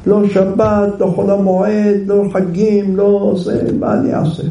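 A man voicing a distraught young wife who wails and pleads in a high, crying voice. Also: warm tone, lightly acted. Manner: wailing, pleading. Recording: roomy, distant, faint background hiss.

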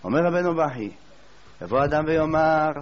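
A man preaching a sermon, telling a story as a lively storyteller who asks rhetorical questions. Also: on the high side. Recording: dull lo-fi recording.

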